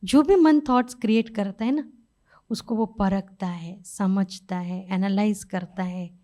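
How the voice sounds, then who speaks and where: A middle-aged woman giving a conversational spiritual talk, asking rhetorical questions and softly acting out inner dialogue with her own mind. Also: medium pitch, unhurried. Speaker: spiritual speaker.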